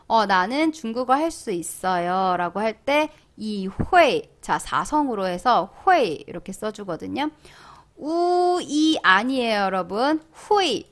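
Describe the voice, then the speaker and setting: A young woman teaching a language lesson online, playful and lively, drawing out sounds slowly and loudly as she models them. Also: medium pitch. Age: young adult.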